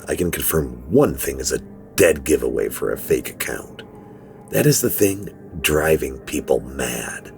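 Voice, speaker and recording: A low, gravelly male voice portrays a tired, frightened middle-aged father confessing in the first person, gravely and deliberately, in a horror narration. He commits fully to the character voice.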